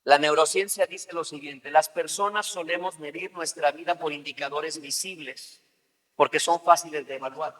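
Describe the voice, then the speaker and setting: This pastor's voice is a little high and fairly bright, with a steady tone and moderate pace. His sermon is conversational and full of acted-out everyday scenes, and a large hall gives it long reverb.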